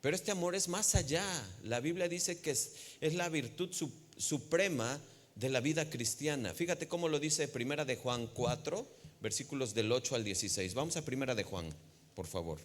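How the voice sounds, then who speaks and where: Mexican pastor preaching to a congregation, mid-pitched, with a long hall echo. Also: male voice, animated, normal speed. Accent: Mexican Spanish. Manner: preaching and teaching, asking the congregation questions. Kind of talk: sermon. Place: church. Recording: long hall reverb of a church.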